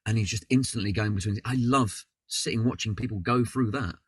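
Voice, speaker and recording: A man with a London accent, talking as a guest on a podcast call in a loose, rambling way with plenty of "sort of" and restarts. His voice is a little husky and dry, and he sounds set back from the mic. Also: fairly low pitch, brisk, dry recording, recorded from a distance. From London, England. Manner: rambling, chatty, self-deprecating with many fillers. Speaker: voice actor guest. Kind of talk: casual interview chat. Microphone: video call.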